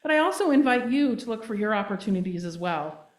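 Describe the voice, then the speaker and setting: A woman's voice: medium pitch, animated, fast talker. A woman giving a sermon as a guest minister, earnest and emphatic, checking in with the congregation as she speaks. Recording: roomy echo.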